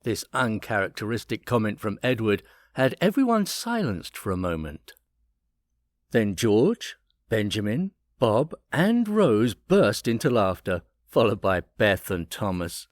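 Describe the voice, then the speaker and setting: A man reading a chapter of a children's story aloud, with a lively pitch that rises and falls through each sentence. The sound is dry and close, with no room around him. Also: unhurried, no room sound. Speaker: narrator.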